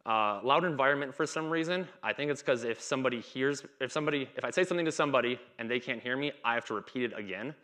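Speaking fast with hardly any pauses, a man in his thirties delivers a conference talk in a casual, conversational style from a dark stage. His medium-pitched voice has a sharp tone, and stutters, repeats and blocks break up his speech.

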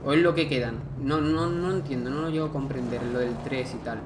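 A gameplay commentator records let's play commentary, chatting and thinking aloud as he plays and reading the game text out loud. His voice is mid-range and fairly quick, with a noisy background behind him.

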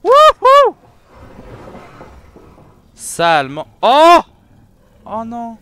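A young man with a Quebec French accent, giving excitable commentary while playing a horror game and bantering with the monster. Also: sits high, a little slow, a little hiss or hum. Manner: excitable, shouts and jokes at the monster. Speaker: let's play gamer.

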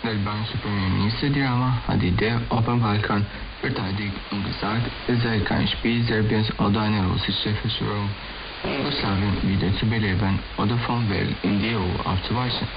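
A man reading a formal news bulletin in a steady manner, heard as a shortwave AM radio broadcast. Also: lowish voice, fairly quick. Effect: heard over shortwave AM radio. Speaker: newsreader. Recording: hissy, muffled shortwave radio reception.

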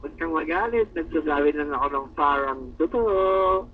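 A man's voice: a little high, normal speed, slight background noise. A man from the Philippines teasing coworkers in mocking banter, growling "arr" and laughing often. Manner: taunting, repeatedly growls "arr" in mockery. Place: indoor room. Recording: distant, dull lo-fi recording.

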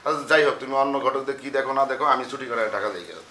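A man's voice: mid-range voice, animated, rapid-fire, pushed and bright, reverberant, a little hiss or hum. A young actor playing a lovesick son pleading with his mother in a comedy TV drama. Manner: pleading, defensive.

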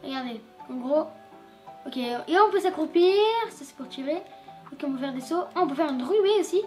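Woman, high voice, casual gameplay commentary, chatty and full of fillers, faint music behind. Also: lively intonation, normal speed. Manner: chatty, loose with fillers and restarts. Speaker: gaming YouTuber. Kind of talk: casual let's-play commentary.

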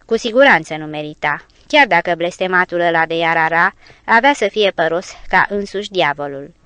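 Smooth, clear woman audiobook narrator. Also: on the low side, animated, a bit bright, no room sound.

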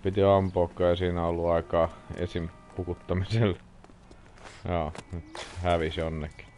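A Finnish man streams a game with casual live commentary. His voice is low-pitched, and faint noise from the game sits behind it. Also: little pitch movement, brisk, warm tone.

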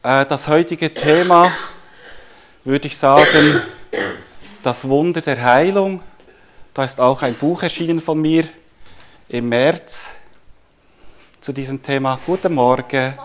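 Slow, reflective man lecturing. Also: medium pitch. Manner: reflective, poses many rhetorical questions. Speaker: spiritual healer giving a lecture. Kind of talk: live talk to an audience. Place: room with a live audience.

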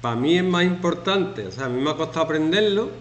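Students hear their fifty-something teacher at a fairly high pitch and fairly quick pace as they work on a class activity. He's chatty and joking, acting out shouting examples with energy; the room echoes and has faint background noise.

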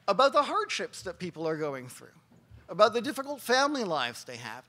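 A man giving a keynote talk at a conference gathering, telling a story earnestly and pausing for emphasis. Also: high-pitched, a bit bright. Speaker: keynote speaker.

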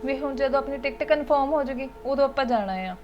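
An actress playing an affectionate young daughter-in-law speaking softly, with a Punjabi accent. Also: female voice, high-pitched, fast talker, music in the background, lightly acted. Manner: soft, affectionate. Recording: dull, muffled sound.

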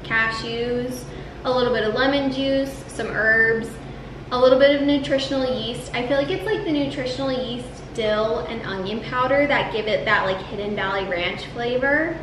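A young woman with a slightly high voice chats through a recipe in a bubbly, casual way. She sounds a few steps back from the camera in an echoey home kitchen. A steady hiss runs under her words. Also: moderate pace. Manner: bubbly, leans on "like" as filler. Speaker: cooking vlog co-host. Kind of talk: casual chat while cooking. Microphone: far camera. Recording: roomy kitchen from a distance, steady background hiss.

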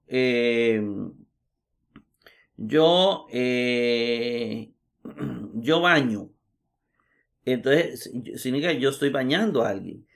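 A middle-aged man teaching Greek grammar in a recorded class, explaining slowly and repeating examples with many hesitations. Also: a little high, creaky. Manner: slow, patient, repeats examples with many "eh" fillers.

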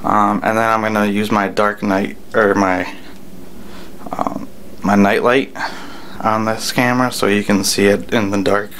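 A man in his twenties speaking casually to camera in a halting, hesitant way, explaining a challenge as a vlogger. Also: lowish voice, level tone, a bit bright. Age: 20s. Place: small home bathroom at night. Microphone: handheld camera at arm's length. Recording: noisy small-room camera audio.

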